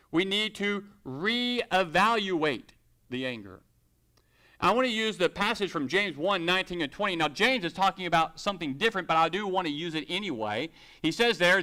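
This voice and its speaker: Bright, clear-voiced male preacher. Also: high-pitched. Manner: conversational preaching, quoting scripture slowly and acting out everyday scenes. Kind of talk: sermon.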